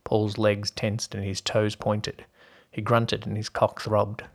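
A man hosting a podcast and narrating a story in an even, steady reading voice. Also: fairly low pitch, slow pace, creaky.

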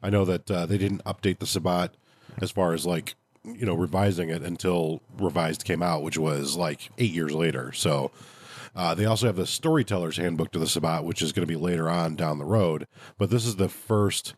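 A man's voice: low voice, normal speed, breathy edge, no echo. A man hosting a podcast in casual review talk, with a nasal voice stuffed up from a cold. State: congested from a cold. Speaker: podcast host.

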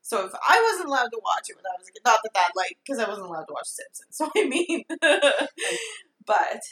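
An excitable woman co-hosts a podcast, rambling casually. Her voice is fairly high and bright with animated swings in pitch, in a roomy space. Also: moderate pace. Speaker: podcast co-host. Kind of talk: casual chat. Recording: roomy echo.

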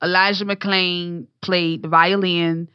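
A woman's voice: fairly low pitch, little pitch movement, slow pace, smooth, dry recording, lo-fi sound. A young adult woman and entertainer, telling a story in casual talk with passionate, blunt, profane energy. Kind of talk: casual talk show conversation.

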